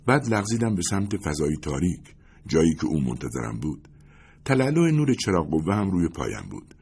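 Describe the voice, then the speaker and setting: A very deep, husky male voice reads a first-person story in a measured, suspenseful way. His pitch moves a lot, rising and falling with the tension of each sentence. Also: big pitch swings, a little mellow. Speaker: audiobook narrator.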